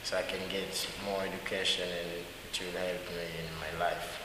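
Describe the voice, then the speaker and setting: A man's voice: deep voice, flat delivery, moderate pace. A man from Dar es Salaam with a Tanzanian accent and non-native English phrasing, answering interview questions conversationally. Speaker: interviewee, hospitality student. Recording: echoey hall, hissy background noise.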